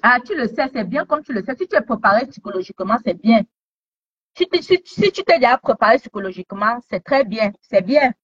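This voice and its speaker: A woman's voice: a little high, animated, brisk, slightly rough. A woman giving heated commentary online, scolding someone with repeated taunting questions. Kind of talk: heated social media commentary. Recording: dull lo-fi sound.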